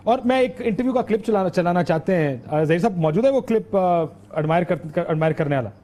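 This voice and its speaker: A man's voice: high voice, lively intonation, brisk, mellow. A male talk show host speaking conversationally and signing off formally. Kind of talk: current affairs talk show.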